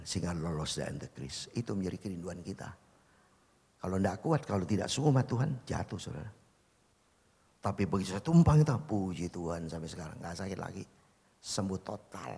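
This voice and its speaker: An older man preaching a sermon as pastor, emphatic, swinging from loud exclamations to low murmurs, in a church hall. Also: gravelly, slightly rough. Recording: long church-hall reverb.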